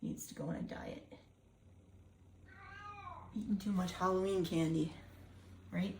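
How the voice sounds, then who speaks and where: A woman's voice: fairly low pitch, huge pitch swings, unhurried, vocal fry, darkish tone, a little hiss or hum. A woman chatting casually to herself and her cat while she paints, teasing her own work. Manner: mutters to herself and her cat, self-mocking. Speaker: hobby mural painter. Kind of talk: casual running commentary while working. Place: indoors at home by a window.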